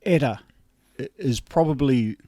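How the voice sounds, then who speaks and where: A man's voice: medium pitch, unhurried, warm tone, dry recording, studio quality. A middle-aged man with a broad Kiwi accent chatting casually and in a laid-back, blokey way as a podcast co-host. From New Zealand. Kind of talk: casual chat.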